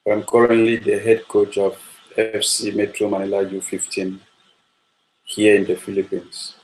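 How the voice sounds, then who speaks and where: On a rough recording, a man from Nigeria gives spoken coaching talk as a football coach. His low voice hardly rises or falls, and he stays measured and repetitive, leaning often on fillers while returning to the same ideas.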